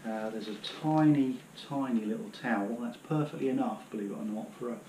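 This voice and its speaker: Speaking a little fast in a mid-range voice, this outdoor gear vlogger, a Brit in his thirties, rambles casually through his hiking equipment with plenty of fillers while kneeling in his living room. The sound is reverberant with background noise, captured by a camera resting on the floor several metres off.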